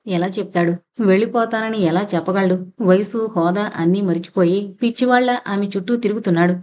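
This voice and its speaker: A woman narrating an audio novel in a steady, measured storytelling manner. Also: medium pitch. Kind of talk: scripted narration.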